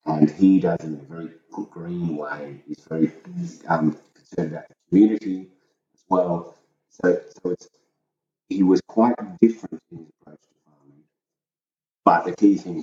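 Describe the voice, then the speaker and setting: A man's voice: low voice, steady tone, moderate pace, dark tone, recorded from a distance. A middle-aged man, a podcast guest, talking in a plain, matter-of-fact way. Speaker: guest, host's husband. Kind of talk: casual podcast chat. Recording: dull, echoey, off-mic.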